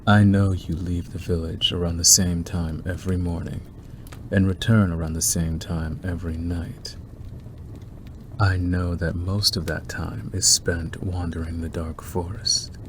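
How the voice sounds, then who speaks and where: In an ASMR roleplay monologue aimed at the listener, a man plays an obsessive, predatory werewolf, a wolfish stranger smitten with them. His deep voice is slow, deliberate and flat in pitch, knowing and intense, softly menacing and teasing, over clearly noisy background ambience.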